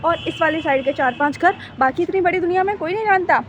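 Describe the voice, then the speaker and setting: A woman's voice: extremely high pitch, fast, muffled recording, a little hiss or hum. A young woman talking casually to her viewers in a vlog, chatty and motivational, mixing in English words. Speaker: vlogger. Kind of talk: casual vlog talk to camera.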